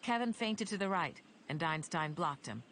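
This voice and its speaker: A woman narrating an audiobook in an even, measured reading. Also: lowish voice, slight background noise.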